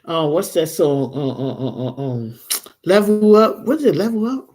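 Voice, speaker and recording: A woman's voice: deep voice, animated, moderate pace, mellow, slightly rough. A woman in her forties, a tarot reader chatting casually and rambling to her livestream viewers. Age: 40s.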